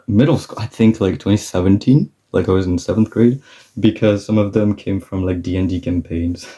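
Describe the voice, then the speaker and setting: While drawing for his vlog, a young man chats casually and rambles, using fillers and laughing. His voice is mellow and fairly low.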